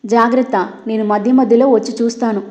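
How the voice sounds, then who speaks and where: A woman's voice: a little high, steady tone, fairly quick, a little mellow, close to an everyday voice. A woman voicing a stern, domineering old grandmother who scolds harshly. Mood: scolding. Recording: roomy, dull lo-fi.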